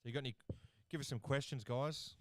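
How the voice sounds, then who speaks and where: A young Australian man hosts a casual cricket watchalong live stream from his lounge room, talking quickly in a mid-range voice with no room sound. He's laid-back, swears freely, and gets excitable over wickets as he commentates.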